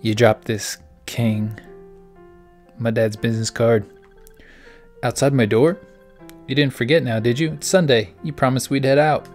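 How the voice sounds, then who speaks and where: Guy narrating a game playthrough, reads the text out loud, middle pitch, faint music behind. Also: steady tone, unhurried, pauses often. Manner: reads dialogue aloud in a plain voice between puzzled asides. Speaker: gaming channel host. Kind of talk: playthrough commentary, reading game text aloud.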